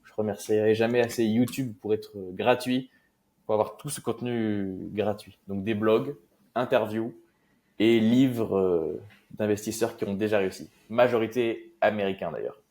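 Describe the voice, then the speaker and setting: A young man from Marseille talks through his story as an interview guest. His voice sits low, and he speaks loosely, pausing on fillers and restarting his sentences. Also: fairly even intonation, a little mellow. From Marseille, France. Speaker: guest investor. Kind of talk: casual interview talk.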